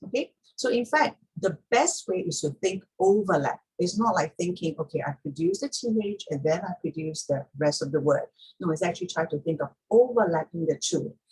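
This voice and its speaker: A woman's voice: lowish voice, lively intonation, fairly quick, darkish tone, slightly rough, low-quality recording. A woman teaching pronunciation step by step in an instructional talk, repeating key points for emphasis.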